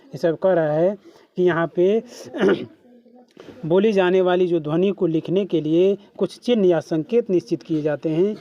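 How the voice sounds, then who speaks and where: A man with a Bhojpuri accent teaches a classroom lesson, repeatedly turning questions back to his students. His voice is high-pitched and measured in pace, and the recording sounds lo-fi.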